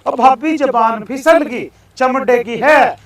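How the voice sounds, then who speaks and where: High-voiced blustering Haryanvi man. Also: slow pace. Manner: grumbling, cursing, blustering. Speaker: comic actor. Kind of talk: Haryanvi comedy sketch acting.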